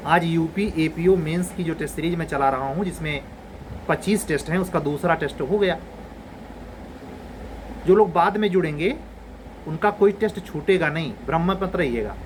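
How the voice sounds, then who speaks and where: A man's voice: fairly high pitch, moderate pace, long pauses, a little hiss or hum, poor audio. A man in his forties, an exam coaching teacher, giving students a blunt, exasperated scolding lecture.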